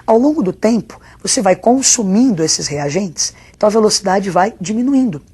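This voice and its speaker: A woman's voice: mid-range voice, animated, normal speed, dark tone, slightly rough. A Brazilian woman teacher giving a spoken video lesson in a didactic way, with rhetorical questions and check-in tags. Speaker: chemistry teacher.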